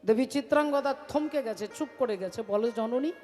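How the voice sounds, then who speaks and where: Female kirtan storyteller, high, dramatic delivery, reverberant hall, music behind. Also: normal speed, a little mellow. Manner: dramatic, voices the characters.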